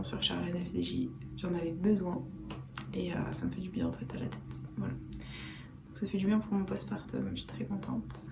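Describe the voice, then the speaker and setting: A woman vlogger chatting casually to camera from her bedroom, soft-spoken and rambling, repeating herself. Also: fairly low pitch, vocal fry. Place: bedroom at home, indoors. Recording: echoey room with background noise.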